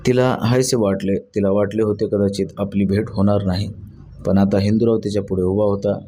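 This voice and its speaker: A man narrating a novel audiobook in a steady, even reading voice. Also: fairly low pitch, brisk, slight background noise.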